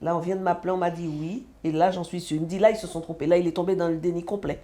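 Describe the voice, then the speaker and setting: A woman from the French Antilles, a mother, telling her personal story as a guest in an animated way and acting out the dialogue. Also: fairly low pitch, rapid-fire. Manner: animated, acts out quoted dialogue. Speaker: guest, mother of a sick child.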